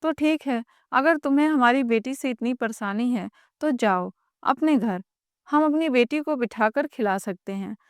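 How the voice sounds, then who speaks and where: A woman's voice: fairly high pitch, a little slow, smooth, no room sound, clean studio sound, lightly acted. A woman voicing an older father-in-law who answers in a curt, dismissive way.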